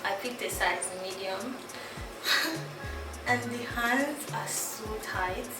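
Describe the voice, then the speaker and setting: A slightly high-voiced young Nigerian woman speaks slowly with a Nigerian accent, casually giggling her way through a clothing try-on haul for her fashion vlog and thinking aloud with restarts. The room is echoey, the mic is distant, and music plays behind.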